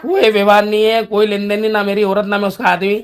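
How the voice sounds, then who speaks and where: Middle-aged man, livestream family fight, fast and repetitive scolding. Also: sits high, little pitch movement. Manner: repeats accusations over and over, scolding. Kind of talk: heated live-stream argument.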